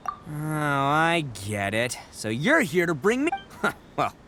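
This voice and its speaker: A woman's voice: low voice, sing-song, slow, a bit bright, slight background noise, full character voice. A woman voicing a boastful male oni gang boss in a game fan dub, blustering and stammering. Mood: defiant. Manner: stammering, blustery, boisterous laughter.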